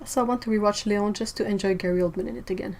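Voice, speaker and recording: A woman's voice: medium pitch, steady tone, rapid-fire, darkish tone, rough recording. A woman hosting a casual livestream, chatting and reacting to chat messages with frequent laughs. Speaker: livestream host.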